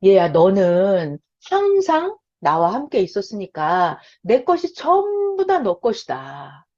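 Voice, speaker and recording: A woman voicing a gentle forgiving father. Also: medium pitch, unhurried, voice pushed down. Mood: persuading. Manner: calm, persuading. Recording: lo-fi dull recording.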